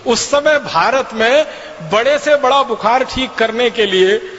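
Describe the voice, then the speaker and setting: A man's voice: very high-pitched, slow pace, a bit bright. A man giving a public lecture, telling a story emphatically and repeating phrases for effect. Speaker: speaker lecturing an audience. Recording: dull, lo-fi hall recording with faint noise.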